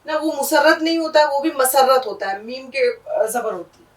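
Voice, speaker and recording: A woman's voice: high voice, animated, a little mellow, far from the mic. A woman teaching a language lesson, patiently spelling out letters and repeating each word. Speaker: Urdu teacher. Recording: echoey room, voice from off-mic.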